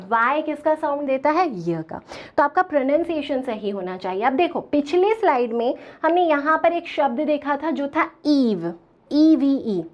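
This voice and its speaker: High-voiced woman teaching grammar. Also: lo-fi sound. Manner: explains patiently, asks and answers her own questions. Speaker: English teacher. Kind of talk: exam-prep grammar lecture.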